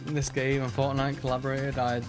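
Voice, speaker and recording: A man with a mid-pitched voice chats casually as he plays and streams a video game. Loud music plays behind him. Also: flat delivery, normal speed. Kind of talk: casual gaming commentary.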